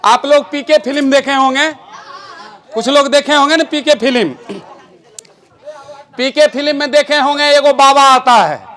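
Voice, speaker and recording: Over a faint crowd, a male stage magician and rationalist speaker banters with the audience and a boy, issuing instructions during a live show where he explains his magic. The pitch is extremely high, the tone pushed and bright, and he keeps a moderate pace broken by long pauses.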